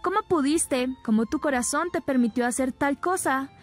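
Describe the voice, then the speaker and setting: A woman's voice: high voice, normal speed, soft background music, close to an everyday voice. A woman reading the lines of a hurt, reproachful young wife.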